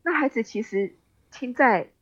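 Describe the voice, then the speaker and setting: A woman's voice: on the high side, animated, unhurried, fairly bright tone, husky, muffled recording. A woman with a Taiwanese accent speaking as an expert guest in a radio interview, explaining things conversationally with empathy and the odd English word. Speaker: expert guest, special education professor.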